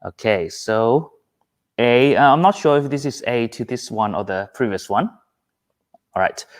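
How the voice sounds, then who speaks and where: Slow, patient Thai-accented male teacher. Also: mid-range voice, animated. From Thailand. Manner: patient, unhurried, reads out viewer comments. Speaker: English teacher. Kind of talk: live-streamed quiz lesson.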